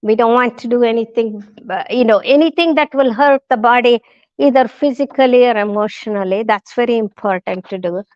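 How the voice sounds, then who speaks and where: Woman guest speaker, storytelling lecture, slightly high voice, dull and dry recording. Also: no echo. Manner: halting, many restarts and fillers, acts out quoted lines.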